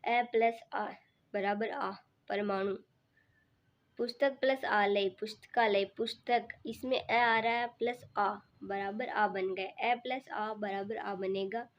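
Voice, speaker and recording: A woman teaching a grammar lesson for exam preparation, explaining each step patiently and repeating herself. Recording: muffled low-fidelity recording.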